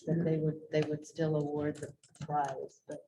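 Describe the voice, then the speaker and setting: A woman leading a casual book club discussion, haltingly searching for her words. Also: sits low, level tone, mellow. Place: indoor room at a book club meeting. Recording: dull recording with faint noise.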